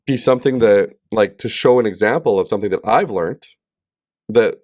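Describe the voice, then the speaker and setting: A man co-hosts a casual podcast in a chatty, teasing way, full of "um" and "like." His voice sits fairly low. The sound is dry and close to the mic. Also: normal speed, a little mellow, no room sound. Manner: chatty, filler-heavy, teasing. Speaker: podcast co-host.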